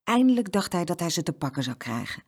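A woman reading a children's story aloud with an expressive, lively delivery. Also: on the low side, fast talker, husky.

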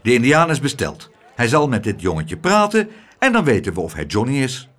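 A man reading an audiobook aloud, voicing a big, stout, quick-tempered businessman who talks bluntly and loudly. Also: medium pitch, very animated. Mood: brisk. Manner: blunt, raised, cross.

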